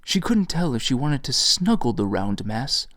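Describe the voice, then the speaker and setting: A man narrating his own fantasy novel in a measured storytelling voice, recorded on a desktop mic. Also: mid-range voice, very animated, a bit bright, no room sound, studio quality. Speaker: author and narrator. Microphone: USB desktop mic.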